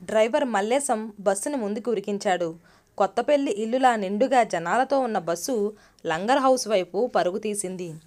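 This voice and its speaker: Woman storyteller reading a moral tale, steady and even, mid-pitched voice. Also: normal speed. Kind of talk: scripted story narration.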